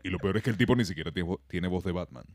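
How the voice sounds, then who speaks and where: A man's voice: deep voice, animated, very fast. A man with a Venezuelan Spanish accent, co-hosting a casual film-review podcast, joking and slipping into mock voices. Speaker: podcast co-host.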